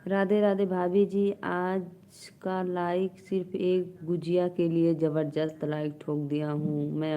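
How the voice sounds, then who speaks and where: A woman's voice: on the low side, darkish tone. A woman with an Awadhi accent hosting a casual live stream from a phone, reading out viewer comments and bantering playfully with them.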